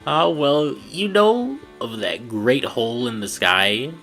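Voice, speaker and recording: A man's voice: medium pitch, animated, takes it slowly, a bit bright, faint music behind. A man voicing a cheerful, clumsy older male professor in a video game, hearty and raised.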